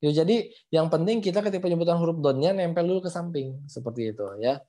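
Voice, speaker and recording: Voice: mid-range voice, fast, dark tone. Chatty teacher drilling pronunciation. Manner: repetitive, demonstrates sounds aloud, frequent "ya" and "gitu". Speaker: Quran recitation teacher. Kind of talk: casual online lesson. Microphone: video call.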